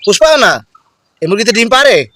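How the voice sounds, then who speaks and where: A man's voice: high-pitched, big pitch swings, normal speed, pushed and bright, faint music behind. A man teasing a child and talking to viewers in a playful family vlog. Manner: teasing, addresses viewers directly. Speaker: vlogger filming a child.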